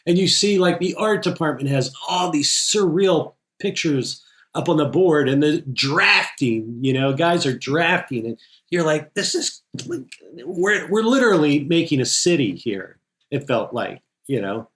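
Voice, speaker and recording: A man's voice: a little high, lively intonation, measured pace, a bit bright. A man, a film editor, chatting casually in an interview and telling anecdotes with quoted dialogue. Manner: enthusiastic storyteller, quotes people in his anecdotes. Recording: echoey room.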